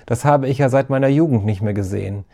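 A man's voice: mid-range voice, quick pace, mellow, lightly acted. A man reading the lines of a frail elderly man with a cracking, brittle voice in a storybook reading. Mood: moved.

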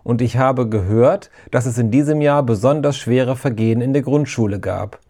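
Ein Mann, der beim Vorlesen einer Geschichte einen theatralischen, donnernden Scheinpriester spricht, pathetisch und anklagend. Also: male voice, medium pitch, moderate pace, dark tone, lightly acted. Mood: accusing. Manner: thundering, pompous, accusing. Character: theatrical booming mock priest, male carnival official. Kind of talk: storybook reading.

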